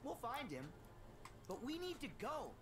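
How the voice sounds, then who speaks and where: A youthful, upbeat game hero with a high, lively voice. The cutscene audio sounds distant and echoey. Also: a little slow, exaggerated voice. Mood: apologetic, determined. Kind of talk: video game cutscene acting.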